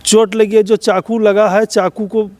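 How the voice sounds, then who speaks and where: A man's voice: sits high, little pitch movement, measured pace, darkish tone. A middle-aged man tells a reporter about his case, tearful and pleading. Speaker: complainant.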